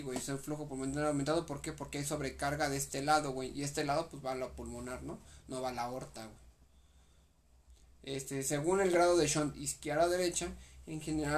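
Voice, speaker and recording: Slangy Mexican man reading study notes. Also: on the high side. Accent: Mexican Spanish. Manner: reads guideline text aloud and re-explains it with slang. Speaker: medical exam study partner. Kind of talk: casual study session.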